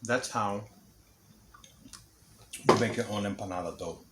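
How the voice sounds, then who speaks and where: A man's voice: on the low side, measured pace, heavy background noise. A man hosting a casual home cooking video, chatting and joking as he works and eats. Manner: chatty, joking, talks while eating. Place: home kitchen. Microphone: camera mic, no camera operator.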